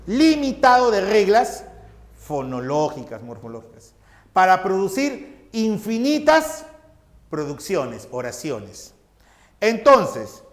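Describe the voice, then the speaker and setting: A male teacher giving a recorded class lecture, explaining step by step and asking his students questions that he then answers himself. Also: sits high. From Peru.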